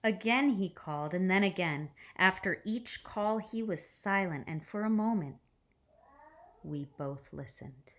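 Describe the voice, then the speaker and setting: Reading to a group of children, a teacher with a mid-range voice performs a picture book expressively. She pauses on purpose and drops her voice to a hush at the close of phrases.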